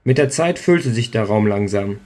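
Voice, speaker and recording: A man's voice: lowish voice, animated, normal speed, darkish tone. A man reading a story aloud in a dry, matter-of-fact way. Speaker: narrator. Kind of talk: scripted narration.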